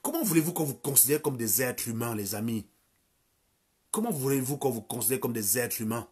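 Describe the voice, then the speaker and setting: Husky man ranting with scorn. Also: mid-range voice, brisk, a little mellow. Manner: insulting, crude, scornful rant. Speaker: livestream commentator. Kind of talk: ranting live stream monologue.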